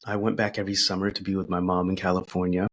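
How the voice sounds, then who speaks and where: A man speaking as a podcast guest, reflective and thoughtful, pausing and restarting as he talks. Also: low voice, level tone. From United States. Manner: thoughtful, pauses and restarts, laughs softly.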